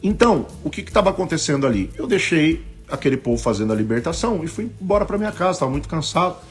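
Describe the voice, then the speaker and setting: Animated Brazilian bishop preaching, faint music. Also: male voice, fairly high pitch, quick pace. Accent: Brazilian Portuguese. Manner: animated, swings between loud bursts and hushed asides; acts out quoted voices in his stories. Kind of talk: sermon storytelling on a live stream.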